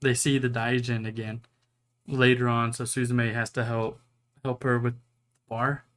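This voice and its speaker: A man co-hosting a casual movie review chat, recapping scenes in a relaxed, slangy way and laughing along. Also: mid-range voice, normal speed. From Mexican-American family. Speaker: podcast co-host.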